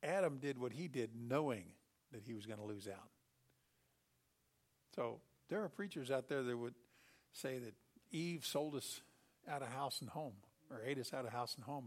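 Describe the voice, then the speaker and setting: A middle-aged man preaching a sermon, telling Bible stories with animated delivery and acting out the characters. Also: mid-range voice, moderate pace.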